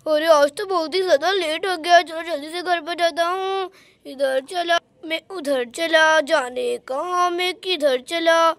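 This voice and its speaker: A drowsy, clumsy husband, played by a woman, who pleads and coaxes in a bright, high voice. It is dry and close, a homemade doll story. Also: measured pace, dry recording, exaggerated voice. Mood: pleading. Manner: drowsy, coaxing, apologetic.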